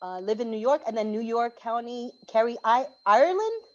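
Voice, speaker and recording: A woman reads a collective poem to open an orientation, pitched a little high and taking each line in its own measured beat. The sound comes through a dull, lo-fi video call. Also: expressive. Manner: measured, pausing between list items. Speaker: orientation organizer. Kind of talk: reading a collective poem aloud.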